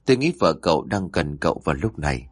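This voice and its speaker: A man's voice: rumbling low, sing-song, fast, husky, no room sound, pitched below the performer's own voice, full character voice. A man voicing a stern elderly male exorcist who speaks in urgent, commanding tones. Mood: grave.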